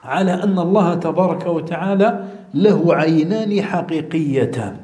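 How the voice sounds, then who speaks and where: A man's voice: on the high side, mellow. A man with a Maghrebi Arabic accent giving a religious lesson on hadith, repeating key words and drawing them out, and asking his listeners questions. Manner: repeats key words, drawn-out emphasis, asks the audience questions. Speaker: Islamic teacher explaining hadith. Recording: echoey room.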